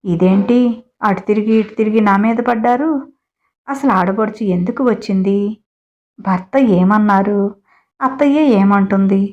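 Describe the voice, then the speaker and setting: A woman's voice: mid-range voice, measured pace, long pauses, lightly acted. A woman voicing a polite, dutiful young daughter-in-law in a read-aloud family story. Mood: puzzled. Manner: gentle, respectful. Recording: dull lo-fi audio.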